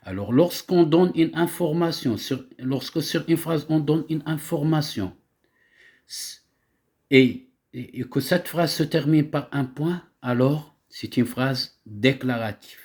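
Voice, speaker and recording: A man's voice: medium pitch, darkish tone. A male teacher giving a grammar lesson, explaining step by step and asking himself rhetorical questions.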